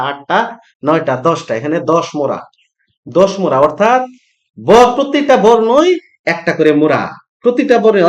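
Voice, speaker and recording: A male Japanese-language teacher giving an online lesson. He repeats phrases as he explains and keeps asking if the students follow. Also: high voice. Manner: repetitive, checks understanding with "ঠিক আছে?". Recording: echoey room.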